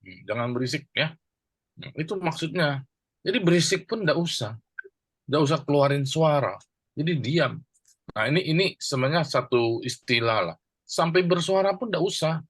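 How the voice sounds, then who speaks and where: An Indonesian man teaches a Bible verse in a church class, mixing two languages as he explains it word by word and asks and answers his own questions. He speaks slowly and deliberately with many pauses, in a fairly high, lively voice with a breathy edge, recorded dry.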